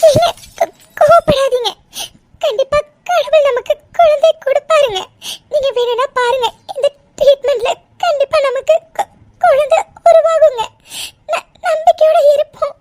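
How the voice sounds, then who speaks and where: A woman's voice: very high-pitched, normal speed, a little mellow, a little hiss or hum. A woman voicing a young married woman in a cartoon serial, sobbing and pleading. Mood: tearful pleading.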